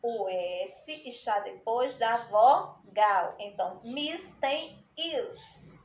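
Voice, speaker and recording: A woman's voice: fairly high pitch, extremely slow, darkish tone. A woman teacher giving a spelling lesson to children, saying each word twice and explaining it patiently. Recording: echoey room.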